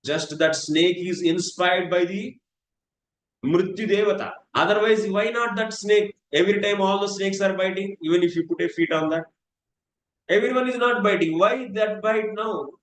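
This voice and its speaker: A man giving a scripture class, speaking in an earnest, repetitive way. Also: high-pitched. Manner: earnest, repetitive, swings between slow and fast. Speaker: spiritual teacher. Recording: echoey room with faint noise.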